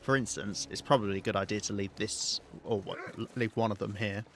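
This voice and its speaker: A lowish, creaky male voice with a steady tone and fairly quick pace provides casual live commentary on a video game. The streamer, from the south of England, is chatty and wry, swearing and laughing occasionally, with slight background noise present.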